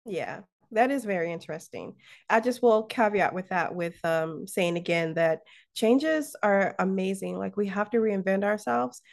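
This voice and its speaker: A woman speaking as a guest on a casual podcast, talking emphatically and enthusiastically and leaning hard on her stressed words. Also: mid-range voice. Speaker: podcast guest, business owner.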